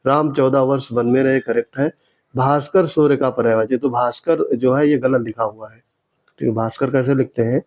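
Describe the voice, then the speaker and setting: A man in a mid-range voice walks through exam questions one by one. He explains, stops to correct a word, and says it again slowly. The audio is slightly dull and lo-fi. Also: mid-range voice, steady tone. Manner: explanatory, repeats words slowly to correct them. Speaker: teacher. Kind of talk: exam answer walkthrough.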